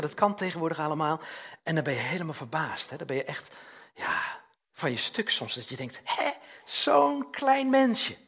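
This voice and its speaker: A man's voice: a little high, a bit bright, slightly rough. An older man preaching a chatty, informal sermon, often tagging questions onto his sentences and acting out little scenes.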